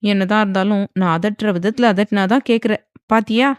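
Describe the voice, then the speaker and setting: Casting: a bossy, teasing husband with calm mock threats, voiced by a woman narrator. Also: medium pitch, fairly quick, smooth, dry recording, clean studio sound, natural voice. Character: domineering, teasing young husband. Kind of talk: dramatized audiobook reading.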